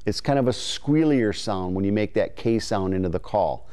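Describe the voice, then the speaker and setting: A man in his forties with a clear, smooth voice, explaining step by step as an informal, folksy instructor on a lapel mic in a studio. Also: lowish voice, lively intonation, normal speed, background noise. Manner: folksy, informal, imitating call syllables as he explains. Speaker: duck calling instructor. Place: indoor studio in front of a green-screen backdrop.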